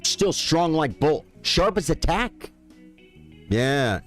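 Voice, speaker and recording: A chess streamer in his late fifties chats casually and folksily with his live-stream viewers over soft background music. His fairly high, fairly bright voice is very animated, though he talks slowly.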